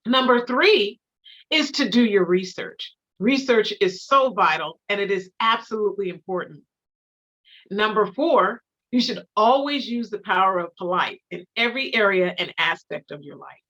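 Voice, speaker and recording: A woman giving an instructional lecture as an etiquette teacher, measured and emphatic, repeating her key phrases. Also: mid-range voice, expressive, fairly bright tone, lo-fi sound.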